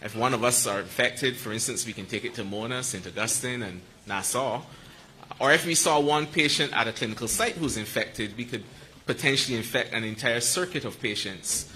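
A man answering questions at a press conference about quarantine and screening, explaining with quick asides. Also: mid-range voice, pushed and bright, slight background noise, rough recording. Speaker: medical school panelist.

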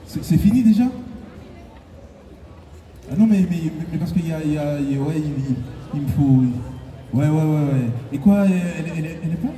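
With a somewhat high voice, moderate pace and long pauses, a concert host and singer trades playful banter with a convention audience. He teases them, laughs often and urges them on from a large indoor stage. It's filmed from the audience, his handheld mic echoing through the hall PA amid a loud, cheering crowd.

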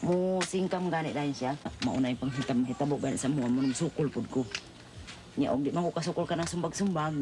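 A woman from the Philippines, a co-op member, talking at length in a documentary interview, rambling and halting, with many fillers. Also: sits low, dark tone, slight background noise.

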